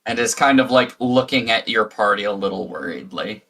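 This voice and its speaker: Guy running a tabletop game online, lots of restarts, bright tone. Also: on the low side, vocal fry. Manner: halting, many restarts. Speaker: game master.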